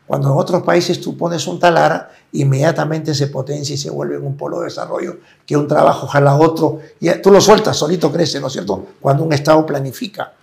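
Gravelly man explaining at length. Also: on the high side, fairly even intonation, a little fast, hardly any pauses, darkish tone. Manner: explanatory, tags points with "¿no es cierto?". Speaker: interview guest. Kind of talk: conversational interview.

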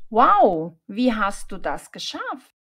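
A woman speaks as a teacher in a scripted learning dialogue, slow and carefully paced. Her voice sits fairly high and rises and falls a lot. She asks each question clearly, with an inviting lift. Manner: clear, repeated phrasing with lively questions.

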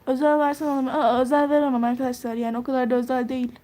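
Teen girl streamer, high-pitched, casual and chatty, thinks out loud while reading comments. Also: little pitch movement, racing. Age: teens. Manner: chatty, answers viewer comments one by one; thinks out loud while touring a game house. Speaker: live streamer.

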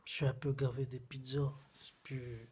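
A man in his thirties talks through a casual vlog with a husky, breathy edge to his voice. He rambles in slang and circles back to the same phrases. The sound is a phone mic held close. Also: mid-range voice, flat delivery, normal speed, a little mellow. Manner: rambling, repeats himself, slangy. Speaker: vlogger. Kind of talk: casual food-review vlog. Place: small room at home, then a busy fast-food restaurant. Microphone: phone camera at arm's length, then propped on a table.

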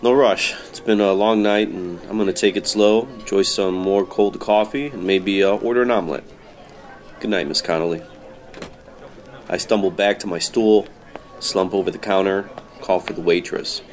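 In an old-time radio noir drama, an actor plays a world-weary, hard-boiled detective with deadpan, measured delivery. His male voice is low-pitched yet close to an everyday speaking voice, and the mood is weary and dry.

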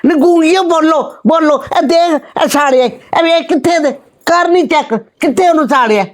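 A woman playing a shrill quarrelsome in-law. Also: normal speed, close to an everyday voice. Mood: outraged. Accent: Punjabi. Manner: shrill, accusing, dismissive. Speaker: groom's aunt. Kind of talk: amateur family drama acting.

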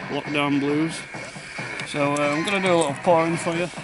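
A young man casually reviewing a beer outdoors in the woods at dusk, relaxed and rambling with lots of fillers, filmed on a close handheld camera. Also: a little high, brisk, poor audio. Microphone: phone camera held low, close.

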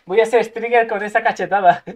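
A man from commentating his own card game match, talking to himself, swearing a lot, making sound effects and breaking into frustrated outbursts. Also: very high voice. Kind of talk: gameplay commentary.

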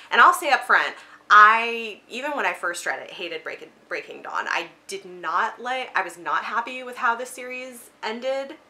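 A woman in her thirties hosts a book vlog channel, chatting casually and emphatically to camera indoors in a small home room with bookshelves. Her voice is medium in pitch, pushed and bright.

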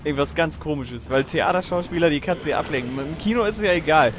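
A man's voice: fairly high pitch, fast talker, over music. A man hosting a let's play, giving casual gaming commentary in a chatty, digressive way with frequent swearing and laughter.

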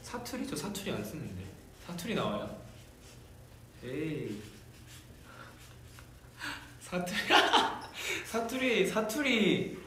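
A young man livestreams from a decorated indoor room, sitting at a table, casually musing aloud, answering fan comments and laughing a lot. His voice is high-pitched, bright and forceful, with huge pitch swings, a slow pace and frequent pauses. The room is very echoey, with faint background hiss.

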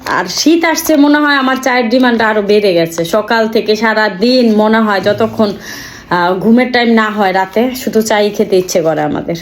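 A woman's voice: medium pitch, moderate pace, slight background noise. A young woman from Bangladesh chatting casually to her viewers in a home vlog. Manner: chatty, talks softly to her child. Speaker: vlogger.

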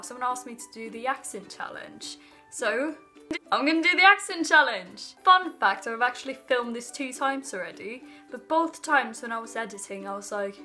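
A woman's voice: fairly high pitch, sharp tone. A woman from Norway, a native Norwegian speaker, chatting casually into her phone in her living room, stumbling and apologizing as she goes, sounding a little off sick. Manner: chatty and self-conscious, with frequent stumbles and apologies. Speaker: vlogger. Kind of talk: casual vlog chat. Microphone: phone propped on a stack of things. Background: faint added background music.

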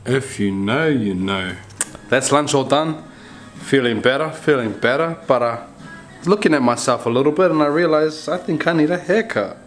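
Faint music plays behind this barber vlogger in his 30s as he chats to camera from a small, bare barbershop room in a laid-back, slangy way, repeating phrases often. His medium-pitched voice moves at a moderate pace and is captured by a nearby or arm's-length camera mic, with clear background noise and room ambience.

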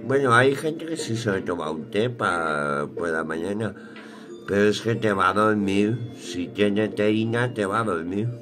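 A man's voice: lowish voice, music in the background. A man in his thirties with a Peninsular Spanish accent, chatting casually and thinking aloud in a colloquial, rambling vlog style. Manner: unhurried, thinking aloud, colloquial with mild swearing. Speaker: vlogger. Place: small cluttered room at home, indoors.

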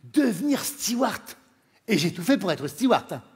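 A man from northern France with a northern French accent doing stand-up comedy in a camp, animated way, often laughing as he talks. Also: high voice, moderate pace, breathy edge. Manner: camp, animated, laughing through his lines. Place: theatre stage. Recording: live show with hall reverb and faint noise.

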